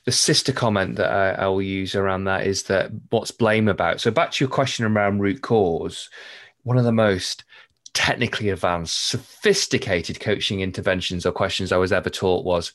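A low-voiced man hosts a conversational interview. He speaks in a measured, reflective way, like a coach thinking aloud. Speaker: podcast host.

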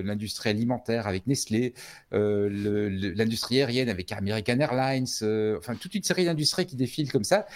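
A man's voice: medium pitch, darkish tone. A man co-hosting a casual tech podcast, explaining things at length with frequent fillers and restarts. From Switzerland. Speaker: podcast co-host.

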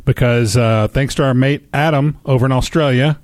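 A man's voice: mid-range voice, steady tone, normal speed, darkish tone, no room sound, studio quality. A man co-hosting a podcast in casual chat, joking and interjecting. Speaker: podcast co-host.

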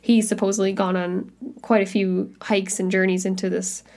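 A woman's voice: medium pitch, little pitch movement, normal speed, darkish tone. A woman co-hosting a podcast in casual chat, skeptical and giggly, with lots of "like" fillers. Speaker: podcast co-host.

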